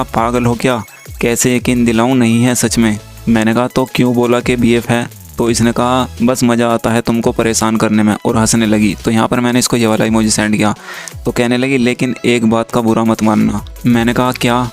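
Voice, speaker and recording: Young guy narrating his chat screenshots, super flat monotone, quiet music under it. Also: medium pitch. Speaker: YouTube creator.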